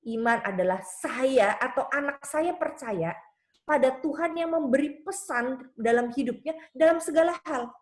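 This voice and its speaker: A woman pastor giving a conversational seminar talk, telling lively stories and jumping up in pitch whenever she quotes someone. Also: a little slow. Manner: lively storytelling that leaps high in pitch when quoting others; conversational, with frequent tag phrases. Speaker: pastor and speaker on children's faith.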